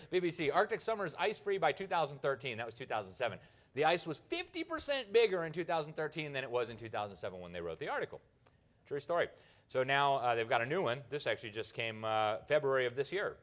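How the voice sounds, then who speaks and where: A man's voice: medium pitch, big pitch swings, quick pace, a bit bright. Guy from the us doing a conference talk, sarcastic, pokes fun a lot. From United States (Miami). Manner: sarcastic, mocking asides. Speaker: journalist giving a conference talk. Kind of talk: conference speech to an audience.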